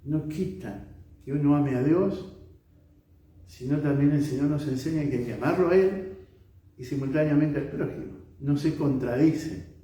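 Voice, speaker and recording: Echoey distant priest. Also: male voice, on the high side, normal speed, long pauses, mellow. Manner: conversational preaching with rhetorical questions and acted-out quotes. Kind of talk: sermon. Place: community house chapel, livestreamed mass. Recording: very echoey room, far from mic.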